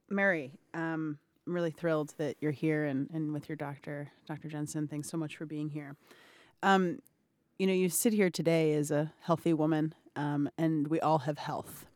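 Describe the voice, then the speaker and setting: A woman's voice: deep voice, a little mellow, dry recording. Woman in her thirties, interviewer; friendly, searching questions, dry close sound. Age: 30s. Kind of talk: recorded interview. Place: indoors, cultural center.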